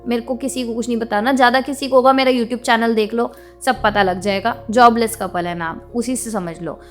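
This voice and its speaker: Young woman vlogger, higher voice, outspoken and indignant rant, faint music underneath. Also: fairly even intonation, a little fast. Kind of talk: venting monologue to camera.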